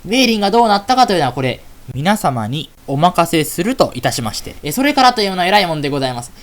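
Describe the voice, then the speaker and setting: A woman narrating a comic tale. She tells it in a formal, measured storytelling manner. Her pitch moves around a lot. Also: sing-song.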